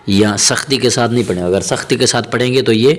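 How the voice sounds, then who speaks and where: A man teaching Quran reading step by step, slowly drawing out syllables and sounds, then explaining quickly, often repeating and checking that learners follow. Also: mid-range voice. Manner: patient, repeats and checks understanding. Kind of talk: step-by-step recitation lesson.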